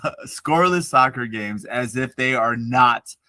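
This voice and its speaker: A man's voice: mid-range voice, a little slow, dry recording. A man in his forties co-hosting a podcast, ranting and telling stories with lots of swearing. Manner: profane, ranting, animated storytelling. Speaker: podcast co-host. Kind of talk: casual chat.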